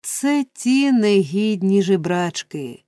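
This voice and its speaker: A self-important parish beadle, as a woman narrator puts him on in a storybook reading, speaking with solemn, stately gravity. The delivery is slow and unhurried, with a mellow tone. The sound is close and dry. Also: medium pitch, big pitch swings, no echo. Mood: indignant, solicitous. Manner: stately, solemn, flustered at times. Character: pompous middle-aged male parish beadle.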